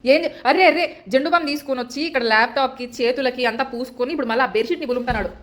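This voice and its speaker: Exasperated young mother, quick and high. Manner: exasperated scolding and coaxing of a small child. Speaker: vlogger mother. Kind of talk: casual home vlog talking to a toddler. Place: home, indoors.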